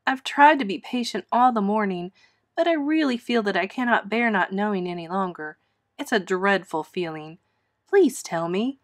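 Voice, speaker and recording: Storybook orphan girl, played by a woman: earnest, imaginative, gushing and dramatic, pitched up. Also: animated, normal speed, a bit bright, natural voice. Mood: imploring. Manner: gushing, wordy, dramatic pleading. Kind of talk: audiobook character voice.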